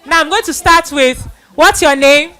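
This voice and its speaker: A middle-aged woman with a high, sharp voice hosts a live children's Bible event at a moderate pace. She introduces and addresses people, exhorting them and repeating phrases.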